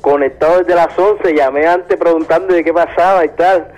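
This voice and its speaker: A man rapper calling in to a radio show, friendly and giving shout-outs to people. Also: a little high, steady tone, normal speed, highs cut off, crowd noise. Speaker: caller, rapper. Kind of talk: call-in radio chat.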